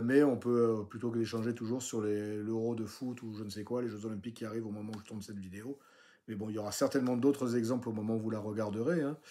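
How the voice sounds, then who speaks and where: A man talks straight to camera, coaching his viewers in a loose, chatty way. He fills gaps with hesitations and restarts. He punches up key words with sudden lifts in pitch and loudness. His voice sits at an ordinary middle pitch. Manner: chatty, many fillers and restarts, lively emphasis on key words. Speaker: career coach for civil service exams. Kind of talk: casual talking-head advice video.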